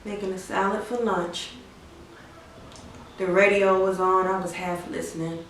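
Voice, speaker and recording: An actress performing a stage monologue as a young mother newly widowed, with a halting, hushed delivery that breaks into anguished cries. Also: medium pitch, flat delivery, a little hiss or hum. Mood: hushed, numb. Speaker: actor performing a dramatic monologue. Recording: very echoey room, far from the mic.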